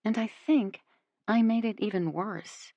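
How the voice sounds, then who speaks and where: A woman narrating a first-person audiobook in a measured, intimate way. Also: medium pitch, dark tone, no room sound, highs cut off. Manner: measured and intimate, voicing each character.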